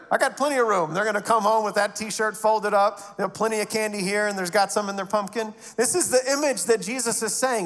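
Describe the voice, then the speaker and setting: Male pastor, middle-aged, lively sermon storytelling, slightly high voice, echoing church auditorium. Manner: animated storyteller acting out quoted voices. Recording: reverberant hall.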